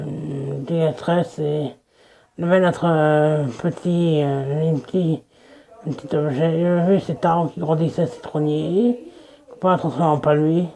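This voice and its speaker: Video creator, DJ persona, casual self-introduction, rambling, restarts sentences, creaky gravelly voice, mellow dark tone. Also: medium pitch, steady tone, measured pace.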